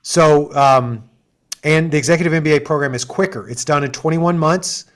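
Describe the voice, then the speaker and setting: Chatty man, slightly high voice. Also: normal speed. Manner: chatty, enthusiastic, many asides and fillers. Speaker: assistant dean hosting an info session. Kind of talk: conversational Q&A on a video call.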